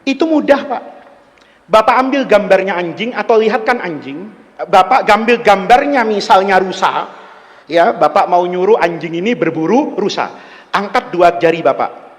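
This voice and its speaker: A man voicing a patient middle-aged male dog trainer who explains things calmly and plainly, in a lower register than his own voice. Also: moderate pace, big-room sound. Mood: explaining.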